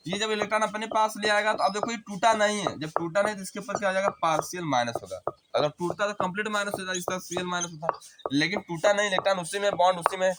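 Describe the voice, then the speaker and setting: A man's voice: high voice, noisy background. Male chemistry teacher, quizzing style. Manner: explains step by step, asking questions and answering them himself. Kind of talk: classroom lecture.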